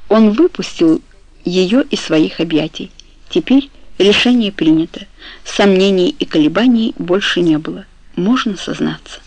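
Calm woman reading an audiobook. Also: on the low side, poor audio. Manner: calm, measured, soft storytelling. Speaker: audiobook narrator. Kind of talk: audiobook narration.

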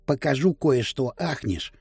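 A man's voice: mid-range voice, lively intonation, unhurried, vocal fry, a little mellow, husky, heavily acted. A man voicing a cocky, inventive schoolboy who talks brusquely and bosses his friend around in an audiobook. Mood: conspiratorial. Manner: brusque, eager, bossy. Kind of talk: audiobook character voice.

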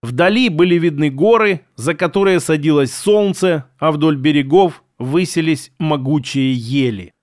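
A man narrating an audiobook in an even storytelling manner on a close microphone. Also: fairly high pitch, unhurried, hardly any pauses, no echo.

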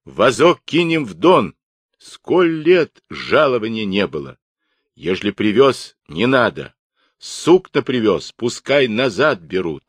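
A man voicing an angry crowd of Cossacks shouting defiantly in a storybook reading. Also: mid-range voice, big pitch swings, takes it slowly, dry recording, pitched above the performer's own voice. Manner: shouting, rowdy.

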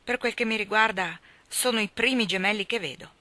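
A woman's voice: mid-range voice, a little fast, bright, forceful tone, no echo, pitched above the performer's own voice, lightly acted. A woman reading aloud, voicing a kindly, hardworking farmer father in a hearty, emphatic manner.

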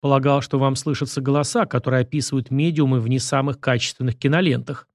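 A man voicing a dry, ironic government curator in an audiobook, somewhat higher and more lively than his narration. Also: fast talker, dry recording, close to an everyday voice. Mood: musing. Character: wry reserved male official curator. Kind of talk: audiobook character voice.

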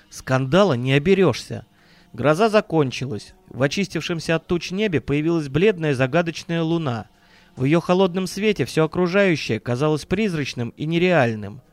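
Audiobook narrator: man, slightly higher voice, dry close studio sound, measured horror telling. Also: no echo.

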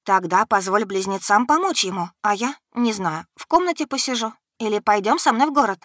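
A woman voicing a lively, caring young heroine with eager, animated speech. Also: mid-range voice, a little fast, no echo, studio quality.

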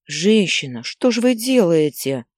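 A woman's voice: lowish voice, big pitch swings, measured pace, a little mellow, no echo, clean studio sound. A woman voicing an elderly grandmother who reproaches a stranger, indignant and pleading.

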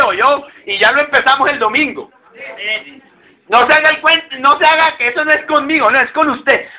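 A man's voice: very high voice, bright, forceful tone, rough recording. A male pastor, preaching a sermon and exhorting the congregation directly in a conversational way.

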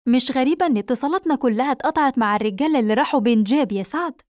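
Manal, a sharp, threatening woman, read by the narrator. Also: high voice, very fast, dry recording, clean studio sound, natural voice. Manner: sharp, demanding.

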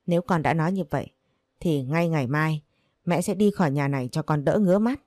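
A bitter, controlling older mother, read by a woman storyteller scolds in a low, mellow voice. She turns every reproach into self-pity. The sound is close and dry. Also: a little fast, no room sound, lightly acted. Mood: scolding.

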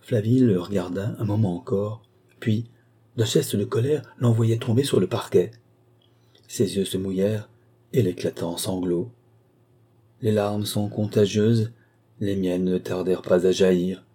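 A man reading a literary novel aloud as an audiobook narrator, in a measured, even storytelling manner. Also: on the low side, husky.

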